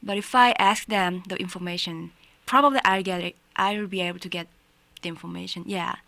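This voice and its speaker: Brief: female reporter, a bit creaky, careful halting English. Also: fairly low pitch, pushed and bright, no room sound. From South Korea. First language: Korean. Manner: careful, hesitant second-language English. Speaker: business reporter, guest.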